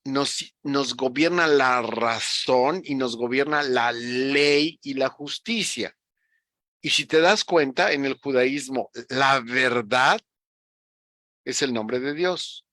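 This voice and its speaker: Bright-voiced man explaining. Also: mid-range voice, slow pace, dry recording, clean studio sound. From Mexico. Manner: reflective, teacherly, many restarts. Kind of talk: conversational explanation.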